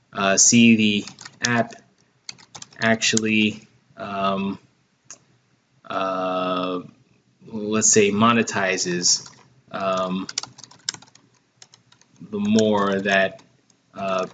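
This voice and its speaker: A man's voice: fairly low pitch, fairly bright tone, slight background noise. A man giving a casual tutorial for writers, hesitant and full of ums, uhs and restarts, speaking while he has the hiccups. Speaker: app owner giving a tutorial. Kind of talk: screen-recorded tutorial.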